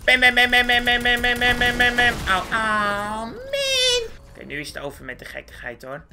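A performer voicing a squeaky, hyper, cartoonish young male gamer, chattering boastfully through gameplay commentary. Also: moderate pace, over music. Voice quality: squeaky, swooping, with sudden high squeals. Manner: excitable, boastful, chatters nonstop at the screen. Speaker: game commentator.

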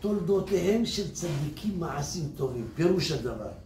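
A man who is a rabbi, giving an animated Torah sermon to an audience and breaking into emphatic shouts. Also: fairly high pitch. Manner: animated, addresses listeners as "my teachers and rabbis", bursts into emphatic shouts. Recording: echoey room, distant mic, faint noise.

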